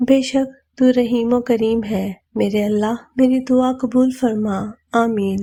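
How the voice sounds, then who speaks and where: A woman's voice: on the high side, steady tone, mellow. A woman voicing an earnest young husband in a storybook reading, speaking bluntly and then in pleading prayer.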